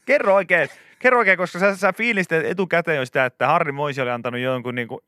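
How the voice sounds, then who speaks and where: A man's voice: fairly high pitch, bright, forceful tone, no echo, studio quality. A man hosting a morning radio show, bantering casually and teasing his co-host with bursts of laughter. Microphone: studio microphone.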